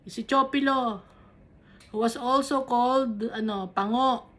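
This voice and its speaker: A woman's voice: on the high side, takes it slowly, fairly bright tone. A woman with a Filipino accent teaching a Bible study, switching between Tagalog and English and asking rhetorical questions.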